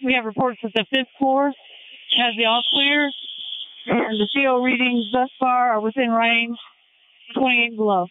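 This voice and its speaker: High-pitched man on tinny fire radio. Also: steady tone, a little slow. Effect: two-way radio. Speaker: firefighter safety officer. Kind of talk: firefighter radio traffic. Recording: tinny, narrow-band emergency radio channel.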